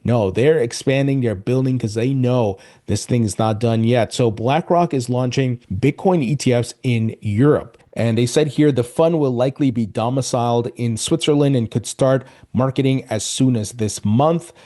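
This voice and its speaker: Speaking to camera with few pauses at a normal pace, a man with a mellow, mid-range voice hosts a crypto news show. He keeps things casual and upbeat, frequently calling viewers "guys".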